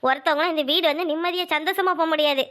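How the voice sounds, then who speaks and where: A woman voicing a sharp-tongued, indignant young housewife in a Tamil cartoon, with a Kanyakumari Tamil accent. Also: extremely high pitch, steady tone, very fast. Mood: scolding. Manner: scolding, sarcastic.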